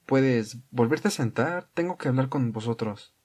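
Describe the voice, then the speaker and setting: A man voicing an anguished teenage girl confronting her parents, speaking in a tense, shaken, quietly accusing way. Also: medium pitch, lively intonation, normal speed, close to an everyday voice.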